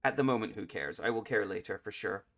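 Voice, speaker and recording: A man talks his way through a video game in loose, chatty commentary. His pitch swings widely as he jokes at his own expense and lets out sudden exclamations. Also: animated, fairly bright tone. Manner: chatty, self-deprecating, quick exclamations. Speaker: game streamer. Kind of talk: casual let's-play commentary.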